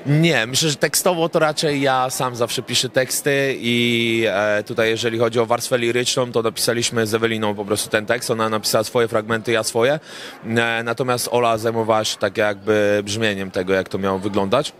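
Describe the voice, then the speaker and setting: A man's voice: mid-range voice, brisk. Young man chatting on a premiere carpet. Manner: relaxed, rambling, frequent filler sounds. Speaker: rapper and songwriter, interview guest. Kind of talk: red-carpet interview answers. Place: indoor cinema premiere event, crowded lobby. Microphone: handheld reporter mic held near him.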